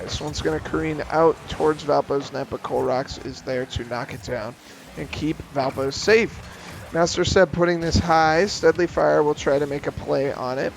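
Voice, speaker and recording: A man calling esports play-by-play, giving a brisk, steady account of the action. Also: fairly high pitch, gravelly, a little hiss or hum. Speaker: play-by-play caster.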